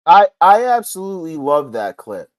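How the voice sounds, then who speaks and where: A middle-aged man hosting a sports podcast, talking in an excitable, rambling way with big swings in pitch and loudness. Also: moderate pace. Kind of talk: casual sports commentary.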